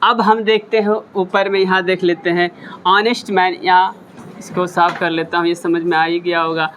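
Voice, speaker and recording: At a whiteboard, a man teaches English in a high, fairly flat voice at a moderate pace, with a slightly bright tone and a little background noise. He patiently encourages learners, repeating each word and posing questions he then answers himself.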